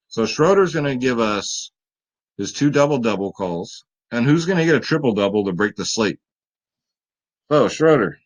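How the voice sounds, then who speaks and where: A man with a medium-pitched voice and poor audio hosts a fantasy sports picks video late at night, sounding tired. He's chatty and casual, building hype while speaking directly to his viewers.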